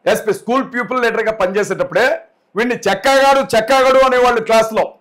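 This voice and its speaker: A man with a notably high voice speaks as an interview guest. He talks with forceful indignation, drives his points home by repeating them, and keeps deferring politely to his host. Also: fast. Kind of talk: heated interview talk.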